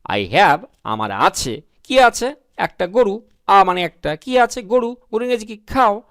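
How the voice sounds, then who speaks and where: Man, beginner English lesson, question-and-answer teaching, animated melody, dry room. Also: high-pitched, no room sound. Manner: asks and answers his own questions, spells English sentences out slowly; addresses viewers as friends.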